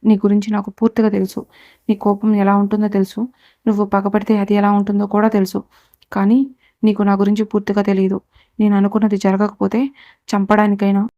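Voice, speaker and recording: A woman's voice: medium pitch, a little fast, dry recording, lightly acted. A woman reading as an obsessive, menacing young woman. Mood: obsessive, threatening. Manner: menacing, vows violence calmly. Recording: dull, dry recording.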